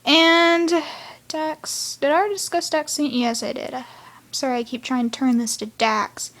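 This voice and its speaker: A woman's voice: high voice, steady tone, moderate pace, a bit bright. A woman rambling through a casual review of a cartoon episode, chatty, with sighs and side remarks. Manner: chatty, rambling, sighing asides.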